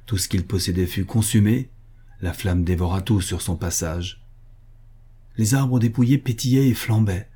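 A man narrating a story as an audiobook, in a grave, measured way. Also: fairly low pitch, warm tone, slightly rough.

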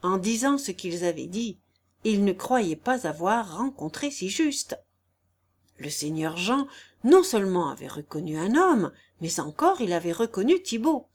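A woman narrating a literary audiobook in a clear, measured storytelling voice. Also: mid-range voice, big pitch swings, darkish tone. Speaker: audiobook reader.

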